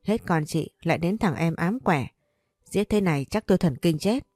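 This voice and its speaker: A woman reads a sharp-tongued mother in a storybook, scolding and cutting, her voice a little low. The reading is close and dry, with faint music behind. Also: lively intonation, moderate pace, no room sound. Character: harsh scolding middle-aged mother, market seller.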